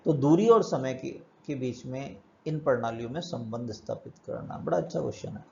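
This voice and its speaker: Working through problems in a classroom lecture, a physics teacher asks his own questions and answers them one step at a time. His medium-pitched, mellow voice has vocal fry and a moderate pace, captured in lo-fi sound with a little hiss or hum.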